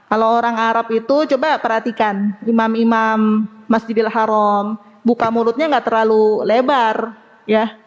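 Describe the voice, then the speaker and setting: A woman teaching Quran recitation to a study group, slowly demonstrating sounds and asking the class to repeat after her. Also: on the high side, big-room sound, lo-fi sound. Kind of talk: women's study group lesson.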